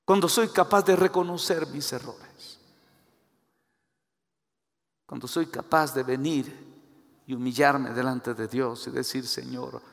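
A man preaching a sermon, shifting between loud exhortation and hushed asides. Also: medium pitch, slow, pauses often. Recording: echoey hall.

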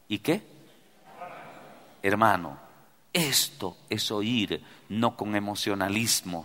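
Impassioned male preacher, lively pitch. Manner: impassioned preaching, swinging from loud cries to hushed prayer. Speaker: pastor. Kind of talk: sermon. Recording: long hall reverb.

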